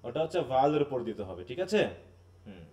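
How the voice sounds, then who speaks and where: A man's voice: medium pitch, sing-song, fast talker, mellow, far from the mic, highs cut off. A man from Bangladesh teaching a live online English literature class. He explains step by step, mixes in English terms and keeps asking if students follow. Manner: explanatory, often checks understanding with tag questions.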